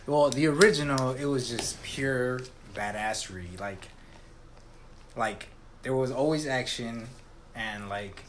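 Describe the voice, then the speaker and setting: A man's voice: medium pitch, slow pace. A man co-hosting a podcast in casual chat, rambling and swearing in easygoing slang. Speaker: podcast co-host. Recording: echoey room with clear background noise.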